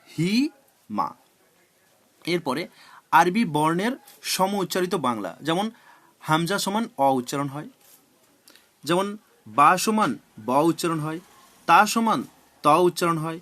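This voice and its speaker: A man with a Bengali accent, teaching a class and spelling out Arabic words letter by letter in slow, deliberate drills. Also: high-pitched, fairly bright tone.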